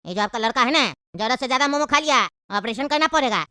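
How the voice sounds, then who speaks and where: A woman voicing a calm adult male doctor who explains things in a measured way, in a comedy sketch. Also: fairly high pitch, lightly acted. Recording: loud background noise.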